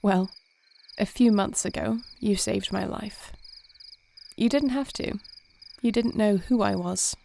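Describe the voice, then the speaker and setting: A woman playing a composed, gentle warrior princess and dragon shifter in an intimate fantasy audio roleplay, speaking formally and with measured care. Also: mid-range voice, vocal fry, slight background noise. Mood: tender, sincere.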